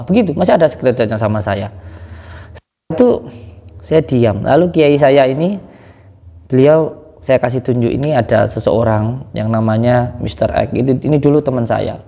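A man giving a casual spoken account to a religious teacher, animated, his voice climbing high when he is indignant. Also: vocal fry. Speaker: guest speaking to a kiai. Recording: long hall reverb.

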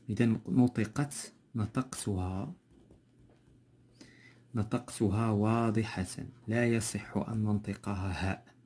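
A man's voice: lowish voice, mellow, a little hiss or hum. A man with a Moroccan accent teaching a textbook grammar lesson, going step by step and repeating key words.

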